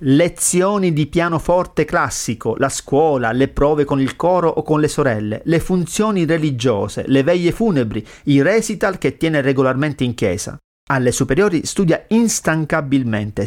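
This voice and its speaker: Guy on the radio telling a story, highish voice, really animated. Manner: expressive storytelling, dramatic reading of lyrics. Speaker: radio host. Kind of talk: radio narration.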